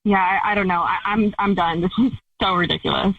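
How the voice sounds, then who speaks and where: A woman's voice: mid-range voice, steady tone, fast talker, breathy edge, dry recording. A woman speaks over a narrow, tinny phone line, her voice dry and close. She is blunt and accusing, cutting straight to the point. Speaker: caller confronting her fiance. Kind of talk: phone call on a radio show.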